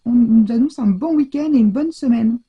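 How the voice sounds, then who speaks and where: In a dull, lo-fi recording, an older scrapbooking vlogger speaks from her home craft room in a fairly high, breathy voice at an ordinary speed. She chats casually through her tutorial, musing aloud while she works.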